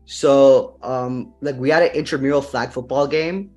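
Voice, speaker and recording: A young man hosting a podcast in casual chat, laid-back and quick to laugh, with lots of fillers. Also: medium pitch, fairly even intonation, a little mellow, soft background music. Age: young adult. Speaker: podcast host.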